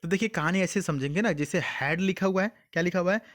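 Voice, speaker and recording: A man teaching an English exam-prep lesson, asking questions and answering them himself, reading English sentences out slowly word by word. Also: high-pitched, a bit bright. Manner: mixes English words into Hindi explanation.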